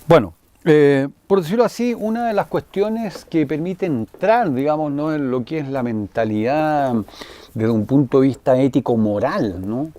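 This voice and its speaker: A man's voice: on the high side, expressive, measured pace, warm tone. Older man lecturing on philosophy. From Chile. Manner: digressive, full of tag questions and fillers; clears throat now and then.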